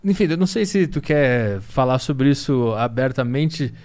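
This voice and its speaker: A man's voice: mid-range voice, animated, normal speed, a little mellow. A man, hosting a podcast and asking questions in a casual, laughing way. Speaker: podcast host. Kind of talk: casual interview talk.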